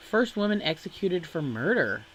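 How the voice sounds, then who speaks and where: A woman talking casually to her viewers as she reads out a long list of names and titles. She goes slowly and with a bright, forward tone. Between names she drops exasperated asides and sighs. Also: low-pitched, a little hiss or hum. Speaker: vlogger reading a family-tree list. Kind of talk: casual commentary while reading aloud.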